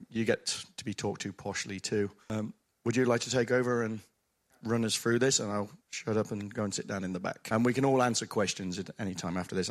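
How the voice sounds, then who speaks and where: Croaky-voiced sick man, low pitch. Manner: joking, informal, self-deprecating. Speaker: security officer introducing his team. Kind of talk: conference session talk.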